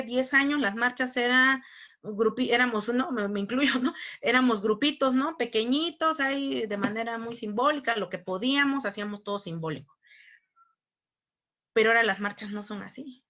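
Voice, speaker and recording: A woman's voice: fairly high pitch, sharp tone. A woman with a Mexican accent giving a conference talk in a conversational way. She often ends remarks with rhetorical questions and acts out other people's voices. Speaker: conference speaker on human rights. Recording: muffled lo-fi recording.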